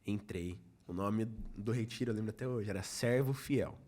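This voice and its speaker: A man's voice: on the low side, normal speed, a little mellow. A young Brazilian man who leads a church youth ministry, telling his personal testimony as a guest in a casual podcast chat and acting out the quoted dialogue as he goes. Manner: storytelling, acts out quoted dialogue, many "falei assim" asides.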